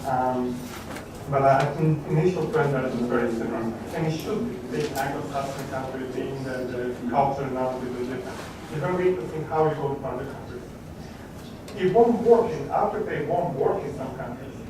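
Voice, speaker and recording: Man, conference speaker, halting answers, far from the mic in a reverberant room with background noise. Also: mid-range voice. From Croatia. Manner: hesitant, many fillers and restarts. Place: large conference hall. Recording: echoey hall from a distant mic, background noise.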